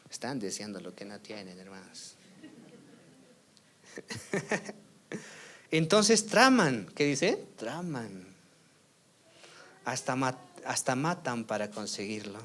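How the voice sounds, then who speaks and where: A man preaching a sermon, his voice pitched a little above the usual male range. He drives his points with rhetorical questions, rising to loud emphasis and then dropping to soft asides. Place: church service.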